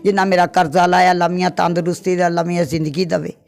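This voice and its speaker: A woman's voice: lowish voice, little pitch movement, fast, gravelly, darkish tone. A middle-aged woman from Pakistan, giving a plaintive interview testimony and repeating her complaints. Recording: faint background music.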